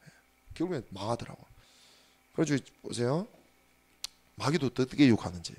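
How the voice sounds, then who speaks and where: A male pastor preaching a sermon, speaking straight to his congregation, dropping to hushed asides and then rising to loud emphatic calls. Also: medium pitch, animated, fairly quick, husky. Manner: speaks to the congregation directly and has them repeat after him.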